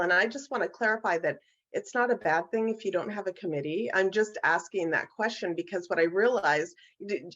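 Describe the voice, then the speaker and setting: Female meeting facilitator, slightly low voice, reassuring and informal, dull lo-fi call sound. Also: fairly bright tone. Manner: encouraging, reassuring. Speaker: meeting host. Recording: dull lo-fi video call audio.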